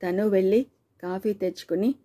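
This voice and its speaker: A woman narrating a novel as an audiobook in a steady, even storytelling manner. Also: mid-range voice, moderate pace.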